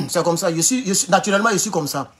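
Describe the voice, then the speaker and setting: A man with an Ivorian French accent, speaking loudly and mockingly in a rambling live stream from his home, talking straight into his phone with no external mic. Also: sits high, fast talker. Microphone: phone without external mic.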